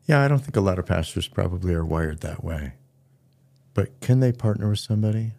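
Deep gravelly-voiced man, earnest pastor. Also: lively intonation, fairly quick, warm tone, no echo. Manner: earnest storytelling, acts out quoted voices. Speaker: pastor and podcast co-host. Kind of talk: casual podcast conversation.

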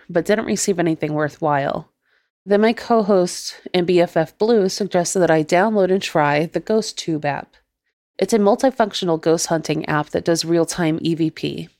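A woman podcast host narrating her own ghost story in a measured, deliberate way. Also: fairly low pitch, darkish tone, no room sound, clean studio sound.

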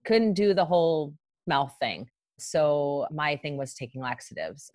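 A woman with a low voice talks as a podcast guest, frank and informal, as in candid personal storytelling. The recording is very dry, with no room around her. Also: no echo. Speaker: podcast guest, life coach.

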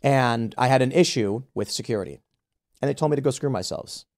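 A man's voice: medium pitch, a little fast. A man in his thirties from the United States, hosting a podcast and telling an indignant story full of restarts and repeated words. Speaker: podcast host. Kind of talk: casual podcast conversation.

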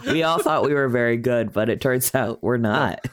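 A man's voice: mid-range voice, normal speed. A man playing a tabletop game who makes playful, self-mocking jokes. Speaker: player. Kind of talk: casual tabletop play.

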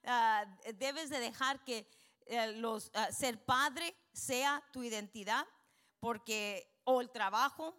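A woman's voice: a little high, sharp tone. Emphatic bilingual woman preacher. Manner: switches between Spanish and English, frequent amens; emphatic, slows down for key points. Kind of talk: bilingual sermon.

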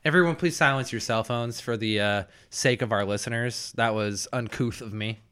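A man's voice: medium pitch, moderate pace, a bit bright, clear, resonant tone. A man playing in a tabletop game podcast, joking around and bantering playfully with the table. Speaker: player. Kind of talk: casual tabletop podcast chat.

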